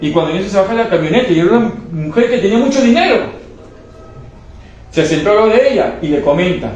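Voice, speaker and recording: Recorded in a very echoey church hall with faint background hiss, a man preaches as a prophet to a live congregation, delivering a sermon with testimony. His high voice swings widely in pitch, moves fast, and has a darkish tone, and he tells stories while often checking in with the crowd.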